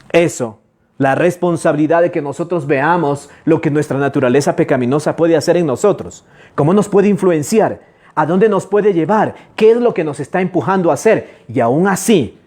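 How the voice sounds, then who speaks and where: A man preaching a sermon as pastor, urging listeners with rhetorical questions and slowing down to stretch key words. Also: on the high side, a little mellow. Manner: stretches key words slowly, then rushes asides.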